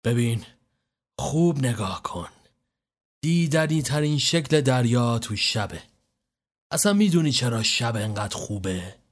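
A man voicing a calm male gang boss who lectures in a measured, philosophizing way. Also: medium pitch, close to an everyday voice. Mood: menacing.

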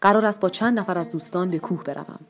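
A woman's voice: lowish voice, lightly acted. A woman voicing a tired, irritable young man in a read-aloud story, with a curt delivery.

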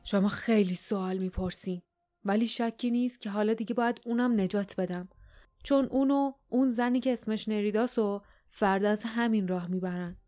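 A woman reading the lines of a gruff, secretive rebel man who talks in a dry, curt way. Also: on the high side, warm tone, faint music behind, close to an everyday voice.

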